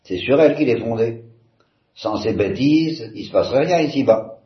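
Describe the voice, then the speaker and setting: A man's voice: mid-range voice, lively intonation, moderate pace, close to an everyday voice. A man reading as a bitter, tormented young intellectual. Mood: anguished, ironic. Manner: impassioned, swinging from wry irony to anguished outbursts. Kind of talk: dramatic reading of a novel. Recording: roomy, slightly dull.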